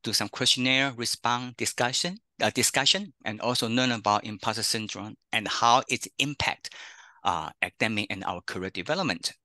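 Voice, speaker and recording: In an online career workshop, a middle-aged counselor from Taiwan, whose first language is Chinese and who has a Taiwanese accent, speaks through a video call microphone. His mid-range voice is animated, pushed and bright at normal speed, in a dry, clean studio sound, and he's chatty with frequent "okay, huh?" tags.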